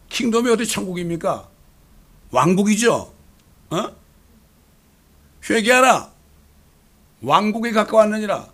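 A man's voice: sits high, a bit bright. A middle-aged man preaching a sermon, asking the congregation rhetorical questions and pressing his points with emphasis. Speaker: pastor.

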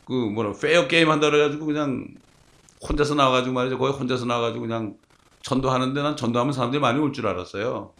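A man's voice: medium pitch, creaky, a bit bright. A male pastor preaching a sermon, telling stories and asking the congregation rhetorical questions.

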